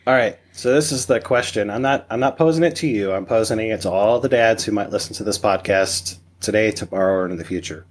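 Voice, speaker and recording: A man's voice: fairly low pitch, a little fast, few pauses. Joking, emphatic man guest. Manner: emphatic, joking, rhetorical questions. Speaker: podcast guest, father. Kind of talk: casual conversational interview.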